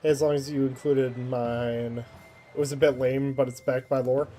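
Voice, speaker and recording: A man's voice: medium pitch, flat delivery, moderate pace, mellow, faint music behind. A man casually chatting on a game livestream, thinking aloud and laughing often. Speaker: game streamer.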